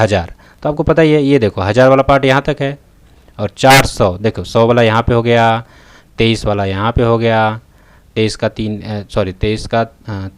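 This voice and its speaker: A man teaching a math lesson in a touch, writing on a tablet as he talks and often checking that the students follow. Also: mid-range voice. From North India. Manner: repeats "theek hai" and "hai na", checks in with students. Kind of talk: tutorial lesson. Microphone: voice-over recorded while writing on a tablet.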